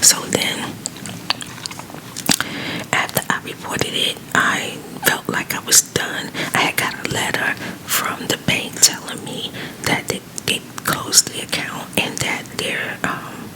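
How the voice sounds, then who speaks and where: Softly and slowly, in a breathy ASMR whisper kept low as if late at night, a woman wanders through a conversational story about her own life. The audio quality is poor.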